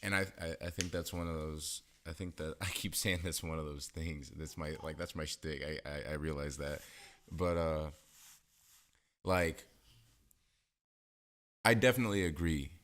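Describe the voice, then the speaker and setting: A man's voice: very deep voice, steady tone, moderate pace, long pauses, a bit bright, slight background noise. A man co-hosting a casual podcast chat, musing in a laid-back way and swearing casually. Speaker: podcast co-host.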